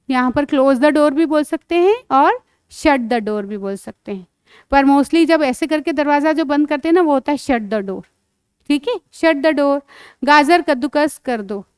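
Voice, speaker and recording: High-voiced woman teacher, patient. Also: no room sound, clean studio sound. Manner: patient, repeats phrases slowly, quizzes with questions. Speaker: English teacher. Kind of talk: teaching lesson to children.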